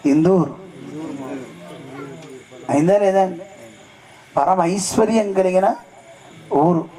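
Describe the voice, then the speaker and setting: A male religious speaker gives a devotional discourse at a temple festival, telling scripture stories and often putting questions to his listeners. His voice sits high and is slow and warm, though the audio is poor.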